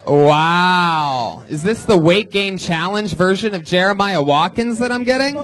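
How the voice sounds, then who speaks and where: A man hosts a live comedy show with a raised, fairly high voice. He talks at an easy, unhurried pace, exclaiming and laughing as he reacts. Faint band music plays behind him. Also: fairly bright tone. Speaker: host.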